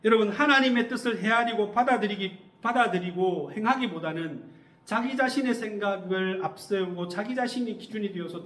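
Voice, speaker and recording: The voice is high and a bit bright: a middle-aged man preaching in a church sanctuary, questioning the congregation and responding to his own questions. The hall gives the recording a noticeable echo.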